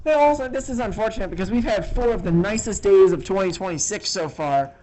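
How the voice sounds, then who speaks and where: A high-voiced man delivers informal sports updates in a rambling, exclamatory way. He speaks into a handheld voice recorder outdoors, so it sounds like a dictaphone recording with noise around him. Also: brisk, dark tone, low-quality recording. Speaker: high school baseball broadcaster. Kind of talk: informal solo rain update commentary. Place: outdoors by a door in a rainstorm.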